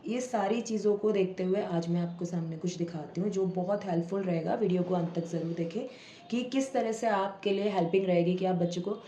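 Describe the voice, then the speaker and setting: A woman teacher explaining reading methods to parents at an unhurried pace, sometimes sounding out word parts slowly. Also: medium pitch, warm tone. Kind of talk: home tutorial for parents. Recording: echoey room with faint background noise.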